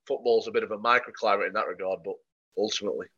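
Low-voiced man, muffled sound. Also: fairly even intonation, rapid-fire, pushed and bright, breathy edge. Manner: dry, matter-of-fact opinions with frequent ums. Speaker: podcast co-host. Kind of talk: casual football podcast chat. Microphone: podcast microphone.

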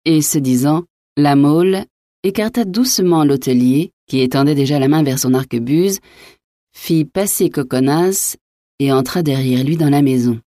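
A woman narrating a classic novel in a steady, measured audiobook reading. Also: deep voice, no room sound, studio quality.

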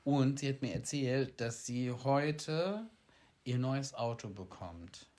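Man with a mid-pitched voice, chatting casually. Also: animated, takes it slowly, a little mellow. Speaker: podcast co-host. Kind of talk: casual chat.

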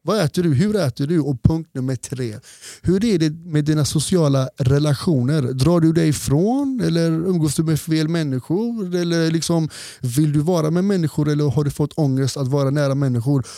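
A man's voice: on the high side, mellow, no room sound, studio quality. A man who is a doctor, explaining health topics in a casual podcast conversation and laying out his points one by one. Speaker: doctor guest.

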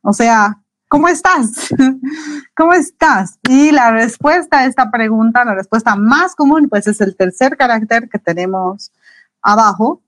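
Woman, Mandarin teacher, higher voice, dry close sound, patient, repeats examples. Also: expressive, a little slow, dry recording, low-quality recording. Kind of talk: live online language lesson.

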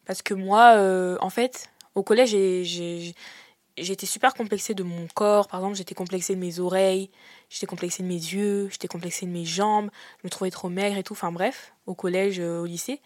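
A young woman hosting a casual, confessional podcast in informal, chatty speech, slightly short of breath and pausing mid-sentence. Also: mid-range voice, steady tone, no echo. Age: young adult. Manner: informal, youthful slang, chatty. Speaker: podcast host.

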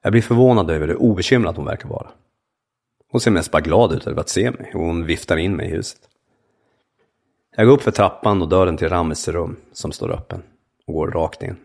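Male memoir narrator, very low, gravelly, calm and measured. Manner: calm, measured storytelling in short sentences. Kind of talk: first-person memoir reading.

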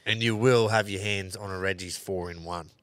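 A man's voice: deep voice, fairly even intonation, moderate pace, fairly bright tone, clear, resonant tone, no echo. A man with an Australian accent hosting a casual sports podcast in a blokey, sweary way. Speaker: podcast host. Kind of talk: casual sports chat with sponsor reads.

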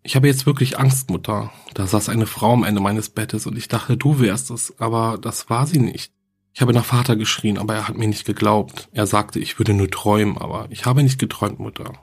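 A man reading as a lonely young girl who writes her diary to her dead mother, in a plain, quiet horror story reading. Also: fairly low pitch, steady tone, moderate pace, slightly rough. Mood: fearful.

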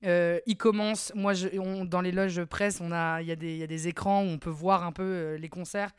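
A woman's voice: fairly low pitch, fairly even intonation, moderate pace, clean tone, no room sound, studio quality. A woman co-hosting a podcast, chatting casually and finishing her partner's sentences. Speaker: podcast co-host. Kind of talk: casual chat.

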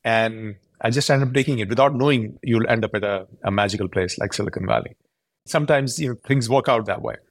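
On a podcast, a tech founder from Pakistan, a man in his forties, talks fairly quickly in a fairly low-pitched voice. His answers are earnest and explanatory, and he often starts sentences over.

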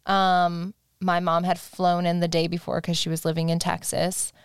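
A woman's voice: lowish voice, little pitch movement, moderate pace, smooth, no echo, clean studio sound. A young adult woman speaking as an interview guest in a casual, confiding personal chat.

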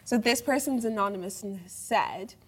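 A woman's voice: mid-range voice, moderate pace. A young woman co-hosting a casual chat podcast, reading listener questions and telling stories in a chatty way. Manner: chatty storyteller, laughs easily.

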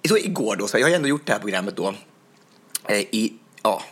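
A man with a husky, slightly breathy voice chats casually as a podcast co-host. He tells stories with animation, hopping up high when he acts out what other people said. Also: sing-song, a bit bright.

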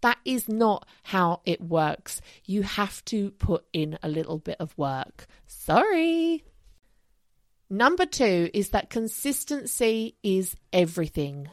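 A woman's voice: fairly low pitch, animated, a little slow, hardly any pauses, dry recording. Upbeat woman giving chatty advice, dry recording. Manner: chatty, emphatic, playfully sweary. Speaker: host of a self-help show on manifesting. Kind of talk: casual solo advice talk.

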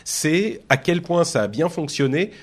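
A man's voice: a little high, expressive, measured pace. A man hosting a tech podcast in casual chat, talking with many fillers and restarts. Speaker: podcast host.

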